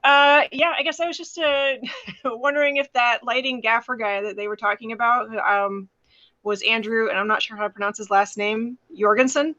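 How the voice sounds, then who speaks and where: A woman's voice: fairly high pitch, steady tone, normal speed, pushed and bright. A woman asking a question on a video call in a hesitant, apologetic way. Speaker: audience member with a question. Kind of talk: casual Q&A question. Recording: muffled lo-fi video call audio.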